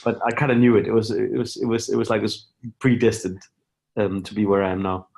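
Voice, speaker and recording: A middle-aged man from Denmark talks through his story as a podcast guest, in a fairly low voice. He stumbles and restarts often, piling up fillers as he goes. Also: little pitch movement, creaky, a little mellow. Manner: halting, many restarts and fillers. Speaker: guest, company founder. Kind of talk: casual interview talk.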